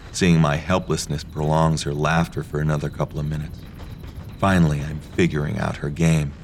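A man narrating a first-person story in a low, hushed, intimate reading. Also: a little hiss or hum. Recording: faint music behind.

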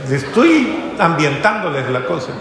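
A man's voice: on the high side, sing-song, unhurried, creaky, a crowd in the background. A priest preaching to a congregation, coaxing his listeners and building up lists of repeated words. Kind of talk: sermon to a congregation. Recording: echoey hall, faint ambience.

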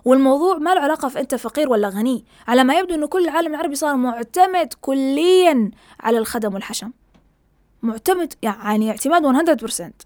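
A woman's voice: high voice, expressive, racing, a little mellow, no echo, studio quality. A young woman, giving an impassioned, ranting opinion monologue and mixing in English words.

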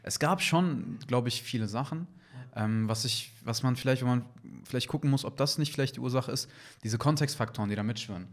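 A man's voice: mid-range voice, fairly quick. A man in casual conversation, tentative and thinking aloud as he goes. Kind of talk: casual chat.

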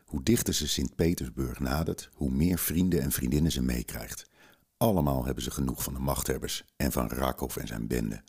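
Very deep-voiced man reading a story aloud. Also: gravelly, breathy edge. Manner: calm, measured storytelling. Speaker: podcast host and reader. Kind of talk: reading a children's book aloud.

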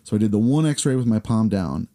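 Mellow-voiced man telling a rambling story. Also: animated, brisk. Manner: rambling, filler-heavy storytelling; acts out quoted people in higher voices. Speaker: podcast co-host. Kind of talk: casual storytelling chat.

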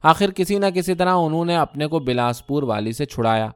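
A man reads a story aloud in a steady, measured way. His voice is smooth and resonant. The sound is dry and close. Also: on the high side, no room sound. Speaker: narrator. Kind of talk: scripted story narration.

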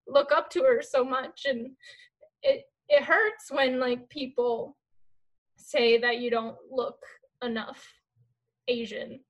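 An American woman with a fairly high, fairly bright voice chats casually as an interview guest. She's full of "like" fillers and restarts.

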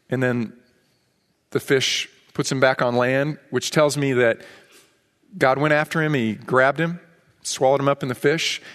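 A man's voice: mid-range voice, a bit bright, in a large hall. A man preaching a sermon as pastor, emphatic and driving points home by repeating key phrases. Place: church sanctuary.

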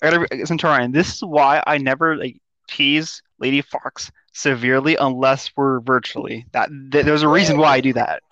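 A man's voice: mid-range voice, steady tone, moderate pace, few pauses, pushed and bright, no room sound, dull audio. A man chatting casually on a podcast, reacting briefly and joking. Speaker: podcast host. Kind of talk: casual chat.

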